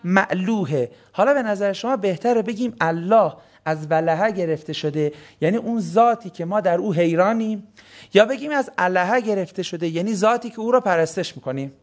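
A man teaching a class on the meaning of sacred words, who keeps asking the students questions and then answering them himself. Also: sits high. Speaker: religious studies teacher. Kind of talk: classroom lecture on Quranic words.

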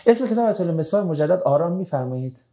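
A man leads a religious class, reading out listeners' questions and answering them briskly. His voice sits a little high for a man but has a warm, mellow color. He talks plainly and slips in dry jokes. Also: expressive, lo-fi sound. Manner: brisk, conversational, with dry joking asides. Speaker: religious teacher.

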